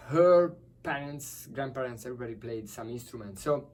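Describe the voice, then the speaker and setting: Middle-aged male guest, upbeat and animated, medium voice, recorded at a distance from the mic. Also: medium pitch, normal speed. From Hungary. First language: Hungarian. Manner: cheerful, laughs often, animated storytelling. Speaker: guest musician. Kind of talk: conversational interview.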